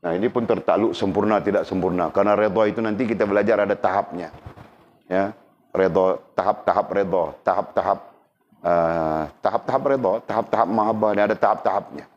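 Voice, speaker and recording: Male religious teacher, low voice, chatty lesson style with frequent check-ins to students; dull lo-fi recording. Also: fairly quick, darkish tone. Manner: conversational, keeps checking in with listeners. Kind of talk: casual teaching talk.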